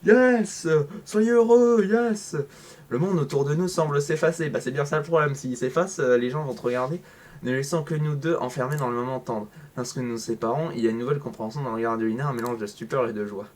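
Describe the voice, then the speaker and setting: A man with a mid-range voice plays a visual novel on a home microphone, reading its lines fast before breaking into sarcastic let's-play commentary. He swings between flat reading and loud outbursts.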